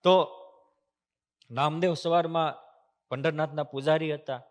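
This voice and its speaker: A man giving a temple sermon. He tells devotional stories, chants verses, and moves between loud emphasis and soft hushed passages. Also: on the high side, steady tone, unhurried. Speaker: swami giving a discourse. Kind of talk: sermon with storytelling. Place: temple hall.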